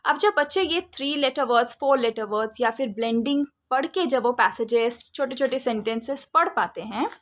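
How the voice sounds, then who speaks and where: A woman giving a phonics lesson to parents, drawing out and sounding out letters slowly. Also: fairly high pitch, fairly bright tone. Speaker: phonics teacher.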